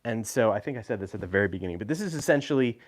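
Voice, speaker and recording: A man's voice: on the low side, animated, rapid-fire. Casual man rambling about gear. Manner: casual, rambling with fillers and restarts. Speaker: host. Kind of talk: live video gear talk. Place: indoor room with lights.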